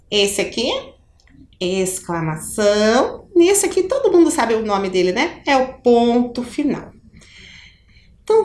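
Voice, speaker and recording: A Brazilian woman teaching a primary school lesson, with an expressive sing-song teacher voice that stretches key words. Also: fairly high pitch. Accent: Brazilian Portuguese. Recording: roomy echo.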